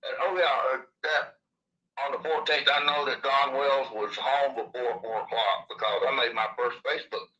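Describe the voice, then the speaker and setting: A man's voice: medium pitch, fairly even intonation, normal speed, sharp tone, dull audio. A man with a lisp from missing upper teeth, telling his story in a casual, rambling way. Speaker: interviewee recounting his own experience.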